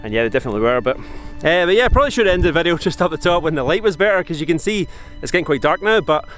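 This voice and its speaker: A Scottish man of forty talking casually to camera outdoors on a mountain, reflective and halting, shivering a little in the cold. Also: fairly high pitch, expressive, fairly bright tone, soft background music. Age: 40s. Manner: halting, reflective, many restarts and fillers. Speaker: vlogger.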